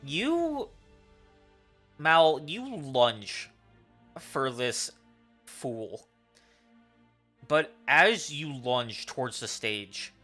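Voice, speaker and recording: A man narrating a tabletop role-playing game as game master, with deliberate, dramatic storytelling. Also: mid-range voice, sharp tone.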